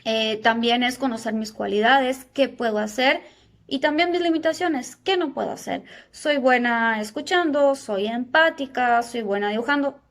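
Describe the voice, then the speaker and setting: A woman in her thirties from Argentina, a psychologist calmly explaining a topic to her viewers and asking them rhetorical questions. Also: a little high, normal speed. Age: 30s. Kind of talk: educational talk.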